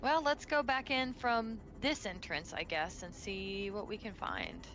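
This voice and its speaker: A woman's voice: mid-range voice, expressive, measured pace, fairly bright tone, slight background noise, low-quality recording. A woman chatting casually as a co-player during gameplay, tentatively offering suggestions.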